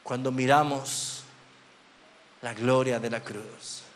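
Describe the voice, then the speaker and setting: Pastor preaching in a reverberant church. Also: male voice, mid-range voice, steady tone, a little hiss or hum. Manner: swings from loud proclamation to hushed near-whispers; drawn-out emphatic phrasing. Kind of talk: sermon. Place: church sanctuary. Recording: long church hall reverb.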